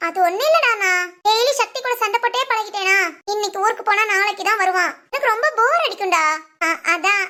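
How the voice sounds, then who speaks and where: A woman acts out a playful young married sister in an animated village story. The voice sits very high and sounds bright and sharp. She teases her brother and giggles her way through every line. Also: brisk. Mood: teasing. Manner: giggly, wheedling, teasing. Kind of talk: cartoon voice acting.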